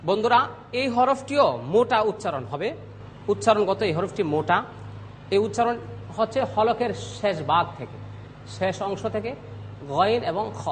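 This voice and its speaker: A man teaching Arabic letter pronunciation on a TV lesson, speaking slowly and repeating each sound loudly for students. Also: high voice, expressive, in a large hall, slight background noise. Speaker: Quran recitation teacher. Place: TV studio.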